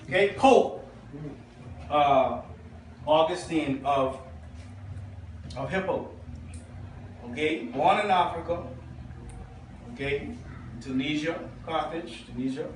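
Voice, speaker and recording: A Bahamian pastor preaching, reading out quotations and checking in with his listeners. His voice sits high. He is heard from far off in a big, echoing church hall with a faint hiss underneath. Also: takes it slowly, pauses often. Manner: preaching, reading quotations aloud, asking the congregation. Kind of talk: sermon.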